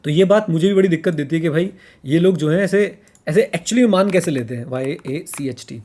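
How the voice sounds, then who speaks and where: A fairly high-pitched man, talking casually as a podcast co-host. He hammers his points home, repeating them, and slips English phrases into his speech. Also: fairly quick, darkish tone.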